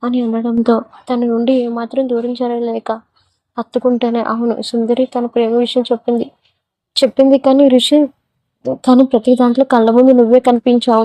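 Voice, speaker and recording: A woman's voice: fairly high pitch, mellow, no echo, rough recording. A woman reading a romantic story aloud, giving every character's lines in the same narrating voice.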